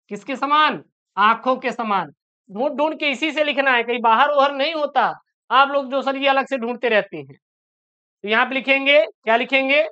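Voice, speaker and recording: A male teacher giving a chatty, reassuring board exam lesson and slowly reciting verse. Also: extremely high pitch, bright, forceful tone, clean tone. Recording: dull lo-fi sound.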